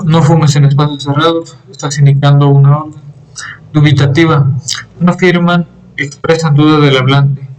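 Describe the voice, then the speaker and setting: Young male student, slightly higher voice, halting class presentation with fillers. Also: darkish tone, low-quality recording. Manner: halting, with fillers and throat clearing.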